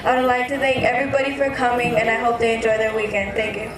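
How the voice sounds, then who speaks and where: A woman's voice: fairly high pitch, flat delivery, fast. A woman introducing herself formally as a pageant princess. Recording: very echoey, distant, loud music behind.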